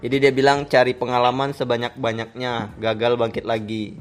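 A man's voice: medium pitch, flat delivery, fairly quick. A man hosting a casual, joking podcast chat, often repeating words for emphasis. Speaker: podcast host. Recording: music behind the voice. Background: background music.

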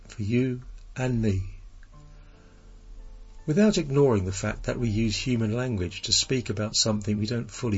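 Man, preacher, gospel reflection, husky voice, muffled recording. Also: medium pitch. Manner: gentle questioning homily. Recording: lo-fi recording with faint music.

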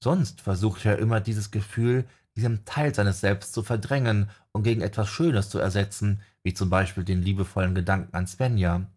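Husky low-voiced male narrator. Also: fairly even intonation, normal speed, few pauses, darkish tone. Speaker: audiobook narrator. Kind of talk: scripted fantasy narration.

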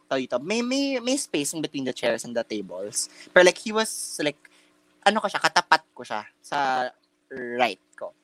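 A young man co-hosting a casual podcast tells a story in chatty Taglish, full of fillers, restarts, and campy slang. His voice is fairly high and fairly bright, sing-song, at a moderate pace.

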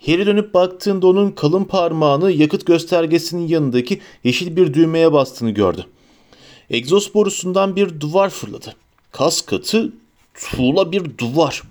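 A man narrates an audiobook in an expressive storytelling manner. His voice is a little higher than usual for a man and carries the action along. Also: moderate pace. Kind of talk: audiobook reading.

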